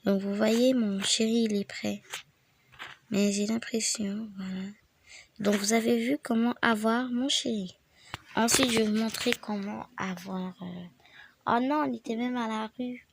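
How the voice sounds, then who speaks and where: Gravelly-voiced woman with the flu. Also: on the high side, steady tone, unhurried. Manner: chatty, rambling, addresses viewers directly. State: sick with the flu, voice affected. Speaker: gaming channel host. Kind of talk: casual game tutorial narration.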